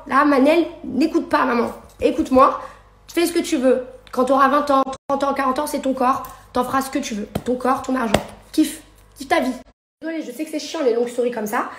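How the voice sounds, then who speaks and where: Holding her phone at arm's length, a reality TV personality in her youth fires off a sarcastic, indignant social media story rant at a rapid clip. Her voice sits high, and the recording sounds roomy.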